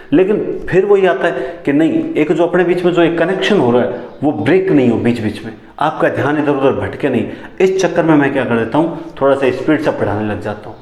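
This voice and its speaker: A man teaching a lesson, who repeats key phrases back as questions and sometimes talks fast enough that his words tangle. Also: medium pitch, a little mellow, reverberant. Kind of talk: classroom lecture on teaching methods.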